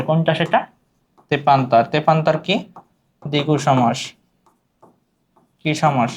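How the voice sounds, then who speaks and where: A man teaching an exam-prep lesson, asking questions and repeating the answers. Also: fairly high pitch.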